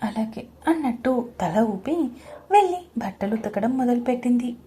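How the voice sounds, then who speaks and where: A woman narrating a scripted audio story in a fairly high voice. Her reading is steady and expressive. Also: moderate pace.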